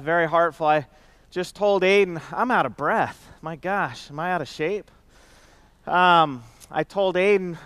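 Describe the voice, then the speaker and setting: Smooth-voiced man giving a rambling talk. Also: fairly high pitch, dry recording. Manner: warm, rambling, frequent fillers and restarts. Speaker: company speaker. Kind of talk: conference speech.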